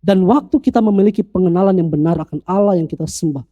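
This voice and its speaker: A male pastor preaching a sermon from the church pulpit, repeating phrases and rising to animated emphasis. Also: sits high, fast, muffled recording.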